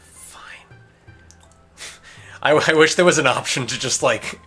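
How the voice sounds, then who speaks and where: A young man hosts a casual let's play, chatting and reading game text with quick asides. His voice is bright and forward, and soft music plays beneath him. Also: medium pitch, husky.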